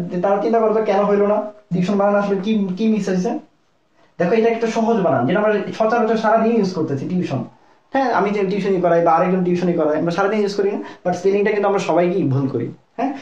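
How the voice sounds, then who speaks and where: A young man from Bangladesh teaches a live online admission class at a breakneck pace, his voice sitting high. He repeats points and keeps checking in with his listeners. The sound is roomy and a bit dull, like a lo-fi stream. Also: a little mellow. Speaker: medical admission tutor. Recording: echoey, dull lo-fi room sound.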